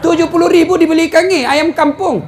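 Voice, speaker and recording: A man giving a comic sermon to a live audience, telling stories with sudden loud bursts and drawn-out chanted prayer phrases. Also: very high voice, fairly even intonation, slight background noise. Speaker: preacher.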